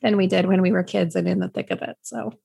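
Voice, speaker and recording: A woman's voice: mid-range voice, fairly even intonation, fast talker, gravelly, dark tone, breathy edge. A young adult woman, a podcast guest, out of breath and talking casually with lots of fillers while she searches for words. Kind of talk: casual interview chat.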